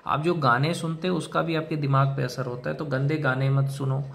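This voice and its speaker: A man's voice: medium pitch, fairly even intonation, brisk, creaky, fairly bright tone. A man giving a direct-to-camera advice monologue, lecturing in a repetitive way and talking to the listener like a brother. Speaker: self-help video host.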